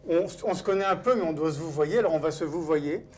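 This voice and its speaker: An event host and wine author, this man welcomes viewers to a live-streamed cooking event and formally introduces the guest chef, emcee-style. He is in a cooking school studio kitchen, talking at a quick pace in a fairly high, a little mellow voice.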